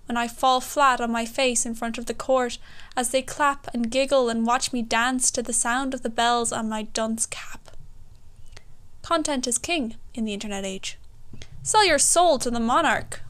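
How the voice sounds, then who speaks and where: Young woman, west of Ireland accent, higher-pitched, smooth clear voice, poet reciting and introducing work. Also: fairly bright tone. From Galway, Ireland. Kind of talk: poetry recitation and personal introduction.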